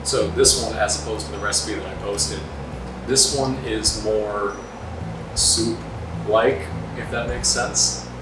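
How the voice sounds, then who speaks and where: A man's voice: lowish voice, steady tone, slow, far from the mic. A man chatting casually as a cooking vlogger, rambling and self-deprecating. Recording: roomy echo, off-mic, music behind.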